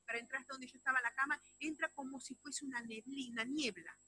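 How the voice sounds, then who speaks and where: High, bright-voiced woman pastor preaching. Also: steady tone, fast, breathy edge, no room sound, low-quality recording. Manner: emotive, swinging from loud exclamations to hushed near-whispers; addresses the congregation directly and often. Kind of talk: sermon.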